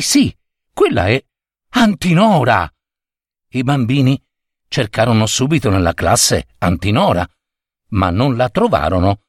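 A man narrating a children's story in an expressive, dramatic way. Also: medium pitch, no echo, studio quality.

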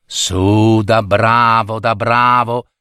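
A man's voice: fairly low pitch, fairly even intonation, very slow, sharp tone, smooth, dry recording, clean studio sound, voice pushed down, exaggerated voice. A man voicing a mother coaxing her child to drink his lesson, in a sweet-talking manner.

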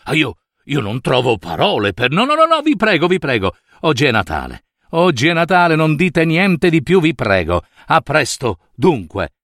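A man's voice: mid-range voice, big pitch swings, normal speed, few pauses, fairly bright tone, dry recording, studio quality. A man voicing a kindly middle-aged charity collector, flustered and stammering. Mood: overwhelmed.

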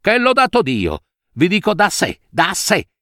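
A man's voice: medium pitch, wildly swooping pitch, normal speed, no room sound, clean studio sound. A man voicing a furious, toothsore old notary. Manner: irritable, shouting in exasperation. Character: grumpy middle-aged male notary with toothache.

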